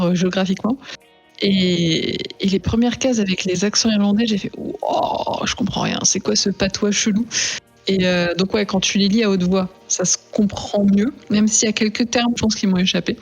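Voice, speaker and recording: A woman reviewing comics on a podcast, in measured and casual chat with some slang. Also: mid-range voice, a little mellow, highs cut off.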